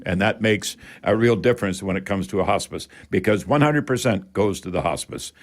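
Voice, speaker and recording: Here an older Canadian man with a fairly low voice talks fairly quickly. On his home improvement call-in radio show, he speaks straight to the audience, folksy and emphatic, tending to ramble.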